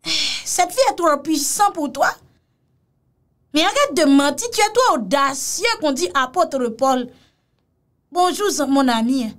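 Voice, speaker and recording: Woman, mocking reaction commentator; high, very animated delivery. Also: slow. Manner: mocking and exclamatory, repeats phrases, mixes in Creole. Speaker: commentator reacting to a video clip.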